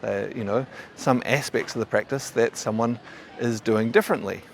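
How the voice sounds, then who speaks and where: A qigong teacher with a mild New Zealand accent talks casually and thoughtfully to camera, rambling and often stammering through restarts and fillers. His mid-range voice moves at normal speed with vocal fry, and there's a little hiss or hum.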